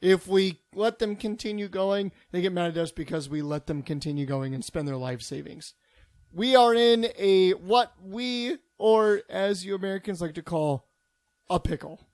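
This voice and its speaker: A man's voice: high voice, lively intonation, moderate pace, darkish tone, dry recording. A man playing a defensive casino liquor-board boss in improvised mock-courtroom comedy, rambling through food metaphors.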